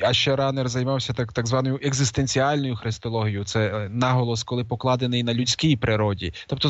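A man's voice: mid-range voice, no room sound. A man giving an unscripted lecture, talking in a hesitant way with frequent filler sounds and restarts. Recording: dull lo-fi dry recording.

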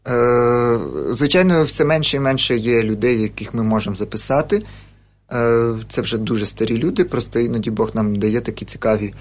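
Fast-talking man explaining at length. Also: medium pitch, fairly even intonation. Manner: explanatory, many fillers and restarts. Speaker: folk music researcher, interview guest. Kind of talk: radio interview.

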